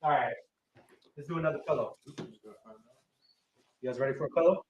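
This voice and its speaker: A man's voice: fairly high pitch, normal speed, muffled recording. A man co-hosting a live stream, cheerfully running giveaways and chatting casually. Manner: upbeat, drives the giveaway segments. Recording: roomy sound with faint noise.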